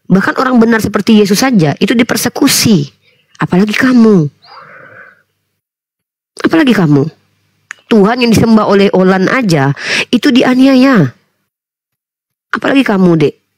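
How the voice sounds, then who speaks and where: A woman's voice: medium pitch, darkish tone, no room sound. Woman scolding hard, dry close sound. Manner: accusing, repeats the person's name. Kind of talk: heated scolding and preaching.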